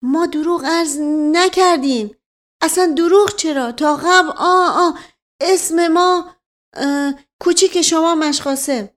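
Woman doing an old stammering manservant, ingratiating, much higher voice, storybook reading. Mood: flustered. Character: old male servant, evasive and flustered.

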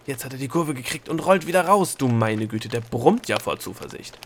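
An excitable bald gnome from a storybook, as a man reading aloud puts him on. He calls out eagerly, a touch higher and louder than the narration, full of nervous enthusiasm. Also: fairly quick, slight background noise, natural voice. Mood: excited. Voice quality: hoarse laugh.

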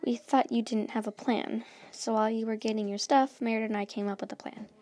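A woman's voice: on the high side, steady tone, fairly quick, mellow, lightly acted. A woman voicing a confident young princess ally who explains things in a smug way.

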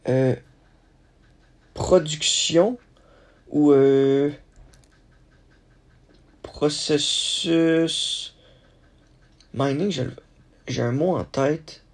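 A man hosting a solo podcast, thinking aloud in a halting way with many restarts. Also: a little high, creaky, a little mellow. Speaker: podcast host.

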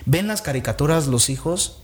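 A man with a Mexican accent hosting a conversational talk show, lively and acting out quoted voices, with fillers. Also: fairly high pitch, moderate pace, breathy edge. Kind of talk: conversational interview.

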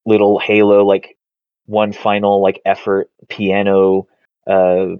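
A man's voice: lowish voice, monotone, slow pace, clear, resonant tone, dry recording. A man chatting casually about video games over a video call, rambling with lots of filler words. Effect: heard over a video call. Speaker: podcast co-host. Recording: dull, lo-fi call audio.

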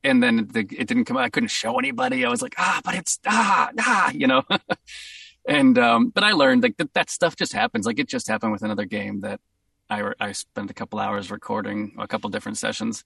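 A man with a Boston accent, a voice actor, talking in a casual interview in an upbeat, excitable way and laughing easily. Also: on the low side, brisk, creaky, husky, dry recording, distant mic. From Boston, USA. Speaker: voice actor guest.

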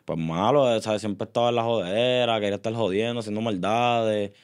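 A man's voice: lowish voice, a little fast, smooth. A man in his twenties with a Puerto Rican accent, a guest chatting casually about his life with frequent fillers. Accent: Puerto Rican Spanish. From Puerto Rico. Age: 20s. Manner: relaxed, rambling, frequent fillers. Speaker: guest singer. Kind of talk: casual interview chat.

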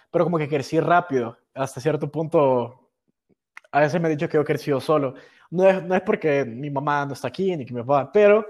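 A young man from Honduras with a Honduran accent, casually telling stories about his school years in a slangy, self-mocking way, dropping English words in. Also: fairly high pitch. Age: young adult. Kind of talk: casual storytelling.

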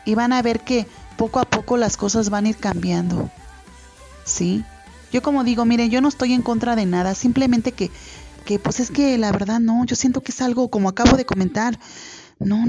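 A woman's voice: fairly high pitch, dark tone. Earnest Mexican woman radio host. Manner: earnest and moralizing, rambling with many fillers and restarts. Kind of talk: casual radio monologue giving advice to parents. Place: radio studio.

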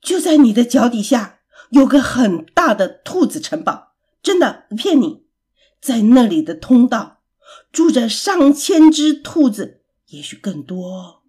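A woman voicing a frightened, clever little boy piglet who cries out in high pleading tones. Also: big pitch swings, measured pace, a little mellow, breathy edge, exaggerated voice. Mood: eager.

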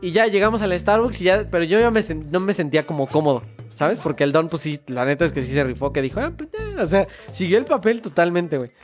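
A young man from Mexico with a Mexico City accent, telling a story in casual chat, slangy and animated, often laughing. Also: fairly high pitch, quick pace, hardly any pauses, soft background music. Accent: Mexico City Spanish.

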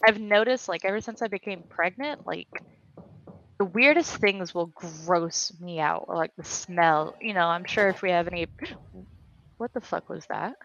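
Young woman, horror gameplay host: expressive, sweary, higher register, relaxed pace, noticeably noisy recording. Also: measured pace, muffled recording. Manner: jumpy, excitable, expressive. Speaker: gaming host playing a horror game. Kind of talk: casual, sweary gameplay reaction.

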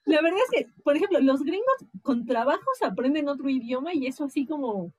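A woman with a Mexican accent chatting casually as a podcast guest, animated and acting out quoted voices. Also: high-pitched, a little fast, dry recording.

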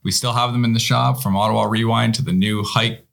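A man hosting a casual podcast interview, friendly and encouraging with quick affirmations. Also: fairly low pitch, fairly even intonation, vocal fry, fairly bright tone. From Canada. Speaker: podcast host.

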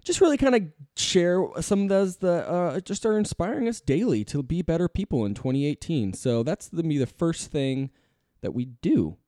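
A man's voice: on the high side, very animated, normal speed, mellow, dry recording, clean studio sound. A young man co-hosting a casual podcast, joking around, laughing often and boasting in mock seriousness. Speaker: podcast co-host.

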